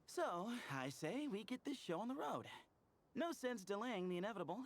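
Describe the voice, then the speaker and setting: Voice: medium pitch, big pitch swings, moderate pace. An actor voicing a young adventurer in a video game, easygoing and reassuring.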